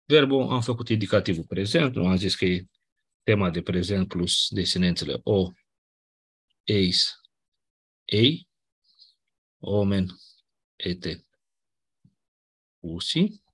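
A man teaches a grammar lesson, explaining step by step with casual asides. His voice sits a little low and has a husky, breathy edge. He keeps checking in with his class as he goes. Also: animated, pauses often, a bit bright. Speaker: Greek teacher. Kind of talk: classroom lecture on Ancient Greek grammar.

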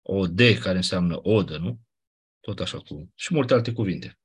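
Husky-voiced man teaching a class. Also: low-pitched. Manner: conversational, explaining step by step with quick asides. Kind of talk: classroom lecture.

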